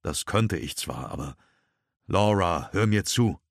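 Tired worried dad in an audiobook, read by a guy, very deep, heavy, dry. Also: expressive, a little slow, no room sound, full character voice. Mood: strained weary. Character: worn-down worried father, middle-aged man.

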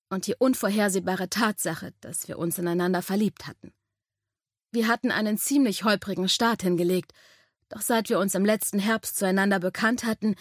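A woman reading a first-person audiobook in a calm, intimate storytelling manner. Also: mid-range voice, no room sound, clean studio sound. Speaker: audiobook narrator.

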